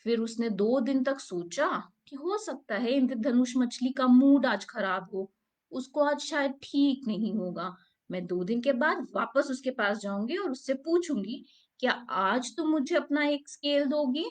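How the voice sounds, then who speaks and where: High-voiced woman telling kids a story. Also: animated, unhurried. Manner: gentle, asks the children questions. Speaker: preschool teacher. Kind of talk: storytelling lesson for young children.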